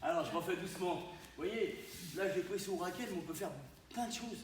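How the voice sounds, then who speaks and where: Teaching his class live in a large, echoey training hall, this karate instructor speaks in a high, fairly quick voice and keeps adding "hein?" and sudden exclamations. A distant camera mic captures him from far off, so the recording is echoey and noisy.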